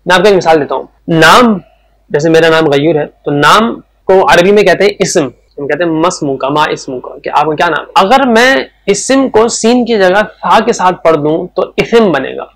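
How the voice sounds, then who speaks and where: A man giving a spoken religious lesson, explaining points step by step and slowly repeating key words for emphasis. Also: high voice, expressive, fairly bright tone. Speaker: religious teacher.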